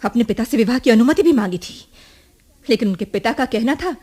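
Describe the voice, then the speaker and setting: A husky-voiced proud young lover. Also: female voice, a little high, animated, a little fast, mellow. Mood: earnest recounting. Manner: earnest, emotional storytelling. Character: young woman, secret lover, proud and defiant. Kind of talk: 1980s radio drama acting.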